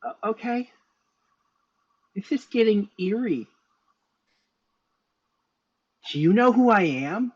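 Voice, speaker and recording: A man's voice: sits high, animated, measured pace, husky, dry recording, dull audio, pitched above the performer's own voice, heavily acted. A man voicing a naive, anxious living doll in improvised tabletop role-play, hesitant and rambling. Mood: uneasy.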